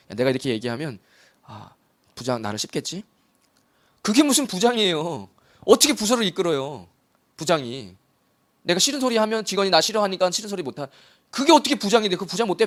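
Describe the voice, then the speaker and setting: Lively fast-talking male Korean pastor. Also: high voice. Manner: animated preaching, acting out imagined dialogue. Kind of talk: sermon.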